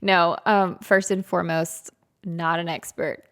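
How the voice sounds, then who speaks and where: A woman's voice: lowish voice, level tone, a little slow, fairly bright tone. A woman co-hosting a podcast, talking in a casual, chatty and self-deprecating way and laughing often. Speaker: podcast co-host. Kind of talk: casual chat.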